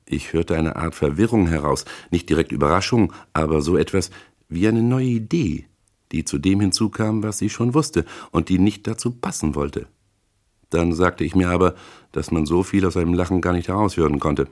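Deep-voiced man narrating a crime audiobook. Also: normal speed, a little mellow. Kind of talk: scripted first-person crime narration.

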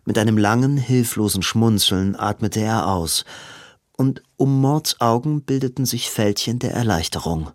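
A man narrating a novel in an even, measured storytelling manner. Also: fairly low pitch, dry recording, clean studio sound. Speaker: audiobook narrator. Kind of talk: scripted narration.

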